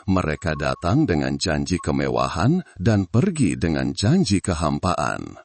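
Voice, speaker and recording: A man reading a scripted story with steady, expressive narration. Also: very deep voice, measured pace, creaky, no room sound.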